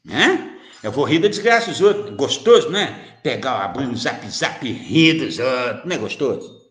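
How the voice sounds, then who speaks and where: A man's voice: medium pitch, big pitch swings, normal speed, a bit bright. A man giving informal spiritual teaching as a medium, teasing and chatty, full of rhetorical questions. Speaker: spiritist medium answering viewers. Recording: roomy echo.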